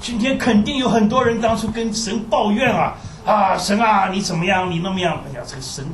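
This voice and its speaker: A man's voice: high voice, brisk, a little hiss or hum. A man preaching a sermon, full of rhetorical questions and sighing exclamations. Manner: animated, rhetorical questions with frequent sighing interjections. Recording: roomy hall recorded from a distance.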